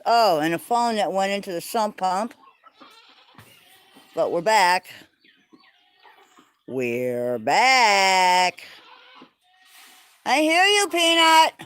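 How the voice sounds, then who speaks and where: A woman's voice: medium pitch, a bit bright. A woman hosting a casual farm livestream from outdoors. She talks to the viewers and coos to newborn kittens. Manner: cooing baby talk to kittens. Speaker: livestream host.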